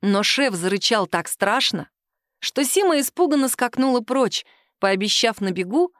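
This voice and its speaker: A woman narrating a story aloud in an expressive audiobook reading. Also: fairly high pitch, moderate pace, no room sound, studio quality.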